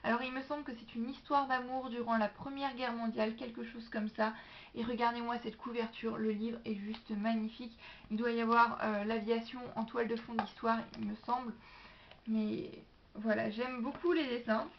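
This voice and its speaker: Her voice is fairly high and her pace moderate as this young French-accented woman gushes about library books for her vlog. It's a chatty, enthusiastic book haul with plenty of lively asides, captured in dull, lo-fi home video sound with slight background noise.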